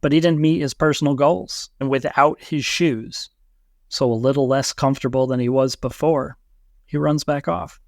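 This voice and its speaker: A man co-hosting a podcast who comments on a film in a thoughtful, measured way. His voice sits mid-range, and the sound is close and dry. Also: medium pitch, steady tone, creaky, no echo. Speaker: podcast co-host. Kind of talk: casual film discussion.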